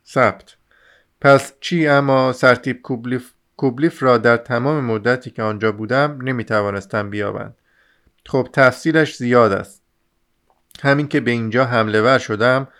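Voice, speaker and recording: A man reading the part of a chatty, excitable young male student in an audiobook, rambling eagerly in a smooth, clear voice. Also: mid-range voice, lightly acted. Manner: rambling, eager, talks over himself.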